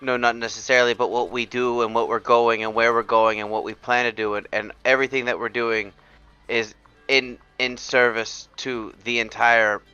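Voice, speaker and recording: A man playing a character in a tabletop game, rambling and halting with repeated words. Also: medium pitch, little pitch movement, bright, forceful tone, clean tone, no room sound, soft background music. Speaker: player. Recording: dull lo-fi audio.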